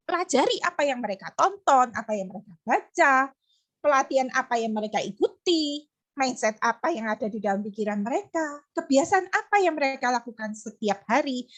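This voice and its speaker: A middle-aged woman giving a motivational training talk for a sales network, repeating her points and acting out the people she quotes. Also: sits high. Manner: animated, repeats phrases, acts out quoted people.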